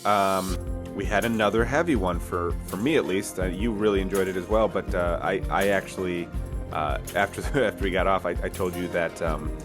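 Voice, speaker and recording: A man co-hosting a podcast, giving a casual introduction with hesitant pauses. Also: sits low. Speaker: podcast co-host.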